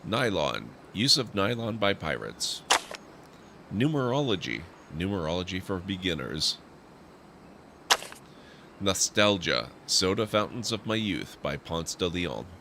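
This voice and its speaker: A male streamer with a deep, low voice talks through a game playthrough and reads its text aloud. His intonation is animated, and there is clear background noise with clicking behind him. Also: measured pace, long pauses.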